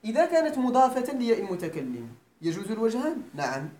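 Speaking fast with an extremely high pitch, wide pitch swings, and a slightly mellow quality, a Moroccan-accented man lectures on Arabic grammar. He's in a Quran school lecture room, regularly testing students and making sure they understand, and the echoey recording carries faint background noise.

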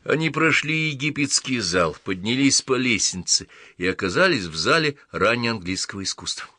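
A man narrating an audiobook in an even, measured reading. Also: medium pitch, no room sound.

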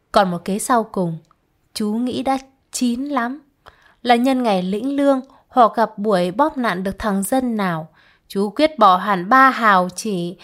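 A woman reading a short story aloud with measured, expressive storytelling. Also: medium pitch. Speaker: reader.

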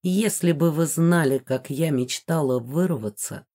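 A woman's voice: low voice, a little slow, warm tone. A woman reading an audiobook, voicing a mournful, reproachful spirit woman who has been bound to a box for centuries.

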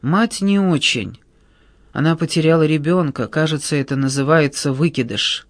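A man's voice: fairly high pitch, moderate pace, dry recording, close to an everyday voice. A man voicing a sullen, hungover sixteen-year-old boy who mumbles apologetically in an audiobook.

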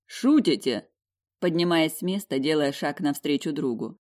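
A woman narrating an audiobook in the first person, in a lively, emotional way. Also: sits low, normal speed. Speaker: audiobook reader.

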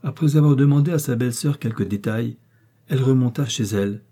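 A man reading a novel aloud as an audiobook narrator, in a measured storytelling manner. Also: mid-range voice, mellow. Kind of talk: scripted narration.

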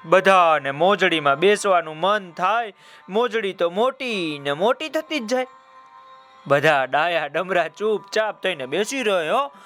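Man telling kids' story, sing-songy and playful, high voice, soft music under. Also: lively intonation, a little slow. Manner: playful, sing-song, addressing children. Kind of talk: children's storytelling.

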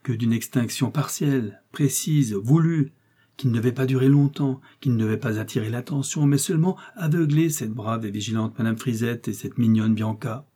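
A man reading aloud, voicing a calm, shrewd detective who questions precisely and insistently. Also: medium pitch, moderate pace, slightly rough, lightly acted. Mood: explaining. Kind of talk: audiobook reading.

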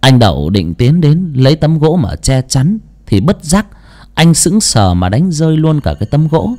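A man narrating an audiobook story in an expressive storytelling manner. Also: a little high, moderate pace.

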